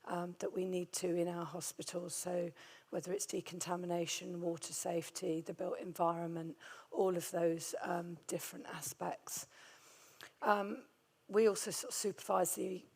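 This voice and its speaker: Speaking at a conference about infection control in hospitals, this middle-aged woman has a strained, gravelly hoarseness caused by a nodule on her vocal cord. Her voice sits lowish with a level tone and a slightly mellow colour, moving at a moderate pace. Frequent hesitant ums punctuate a warm, self-mocking delivery.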